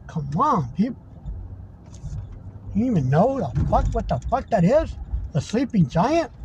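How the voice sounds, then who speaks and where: A man's voice: high-pitched, sing-song, measured pace, background noise. A man giving an impassioned, profane monologue as a podcaster, ranting heatedly. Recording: dull lo-fi recording.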